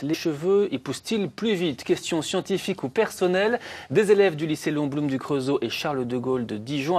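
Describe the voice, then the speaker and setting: A man's voice: a little high, slightly rough. A man presenting regional television news from a script.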